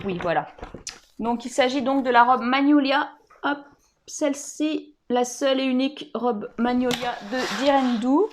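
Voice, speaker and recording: Woman, high voice, casual sewing vlog, talkative, filler-heavy. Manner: chatty, with lots of fillers and asides. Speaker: sewing vlogger. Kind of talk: casual chat.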